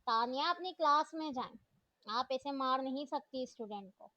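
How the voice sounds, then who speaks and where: Woman doing calm kind male teacher, mild friendly questions, high-ish voice, dry recording. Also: moderate pace, no room sound, close to an everyday voice.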